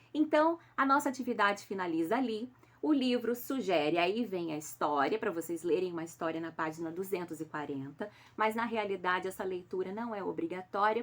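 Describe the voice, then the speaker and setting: In a recorded class, a Brazilian schoolteacher with a Brazilian Portuguese accent corrects homework, patient and affectionate as she explains step by step and checks in with her pupils. Her voice is medium-pitched.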